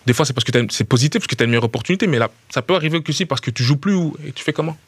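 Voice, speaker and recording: Guesting on a casual radio chat in a small studio, a quick-talking Liège footballer from Belgium repeats words as he searches and throws in "tu vois." His medium-pitched voice is slightly rough with lively intonation, and the studio mic with headphones captures no room sound.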